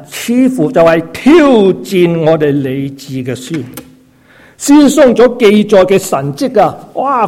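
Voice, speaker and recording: A man's voice: a little high, darkish tone. A man who is a preacher and a doctor, delivering a sermon and often asking the congregation rhetorical questions, sprinkled with short interjections. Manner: frequent "na" and "ha" interjections.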